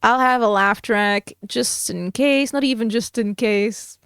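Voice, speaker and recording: A woman's voice: fairly high pitch, a bit bright, clear, resonant tone, no room sound, studio quality. A woman streamer chatting casually and giggling while she draws on stream. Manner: slow, musing, giggly.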